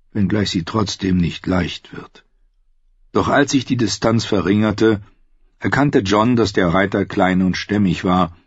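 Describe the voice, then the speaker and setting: Male audiobook narrator, low voice, dry and dull recording. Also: slightly rough, no room sound. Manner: lively, expressive reading. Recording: muffled lo-fi recording.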